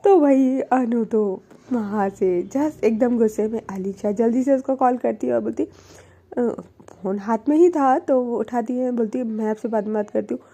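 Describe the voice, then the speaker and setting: A woman's voice: fairly high pitch, measured pace, warm tone. A young woman casually telling a love story in a chatty way, dropping in English words.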